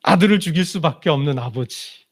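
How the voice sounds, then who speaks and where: A male pastor preaching in a church, with a high-pitched voice. He talks to the congregation in a conversational way and keeps asking them rhetorical questions. At emotional moments his voice sinks low and soft. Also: animated, fairly quick, breathy edge. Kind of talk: sermon. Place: church sanctuary.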